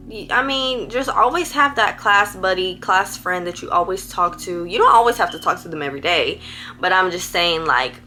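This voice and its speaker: A woman's voice: on the low side, sharp tone. A teenage girl, giving school advice in a rambling, playful, chatty vlog. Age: teens. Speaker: vlogger.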